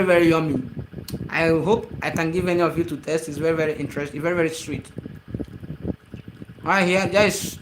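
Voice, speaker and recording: Nigerian male streamer, Igbo native, high pitch, repetitive chat-reading delivery, noisy recording with traffic behind. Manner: repetitive, reads out and answers viewer comments. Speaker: live-stream host. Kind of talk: casual live-stream chat with viewers.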